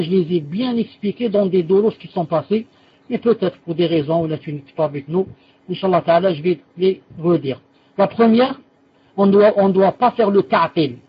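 A man with a high, husky voice teaches a religious lesson and takes questions from students, patiently repeating key terms and correcting himself as he goes. The recording is dry with no room sound, and the highs are cut off.

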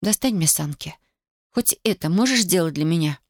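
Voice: medium pitch, lively intonation, moderate pace, dry recording. A reader voicing a stubborn young woman grieving in wartime, in a dry studio audiobook recording. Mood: cold. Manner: cold, insistent, pleading. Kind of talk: audiobook character voice.

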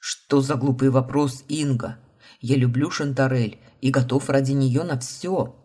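A woman reading the lines of a young man, the heroine's blond brother, in a calm, guilty, soft-spoken way. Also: very deep voice, unhurried, husky, exaggerated voice.

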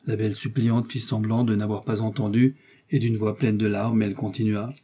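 A man narrating a classic novel in a measured, expressive reading. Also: lowish voice, husky. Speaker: audiobook narrator.

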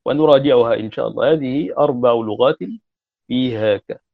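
A man giving a classroom grammar lecture, repeating and spelling out word forms deliberately. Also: medium pitch, gravelly, no echo. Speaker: grammar teacher. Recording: dull lo-fi recording.

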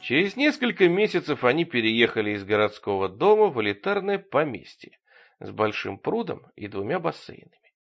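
A man narrating an audiobook with ironic, expressive storytelling. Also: medium pitch. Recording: dull lo-fi audio.

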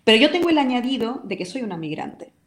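A woman's voice: on the high side, very animated, fast, roomy sound. A woman with a Peruvian accent, speaking with passion and vehemence as a guest in a radio interview. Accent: Peruvian Spanish. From Peru.

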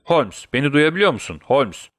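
A man's voice: on the low side, animated, brisk, a bit bright, no echo, studio quality. A man voicing a scheming, mocking villain doctor in a storybook reading, gloating and taunting. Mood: insistent.

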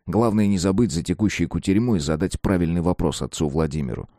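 A man's voice: low voice, fairly quick, dark tone, dry recording, clean studio sound. A man narrating a first-person audiobook in a casual, slangy, sometimes crude manner.

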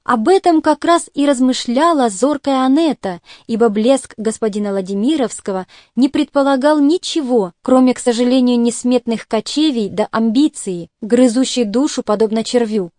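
Mellow woman narrating a novel. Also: on the high side, dry recording, clean studio sound. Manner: measured, expressive reading. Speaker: audiobook narrator. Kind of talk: literary audiobook narration.

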